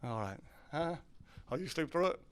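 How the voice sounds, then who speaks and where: A man's voice: fairly high pitch, expressive, normal speed. A man from southern Ohio who teaches sign language, giving a loose, self-correcting talk and questioning his audience.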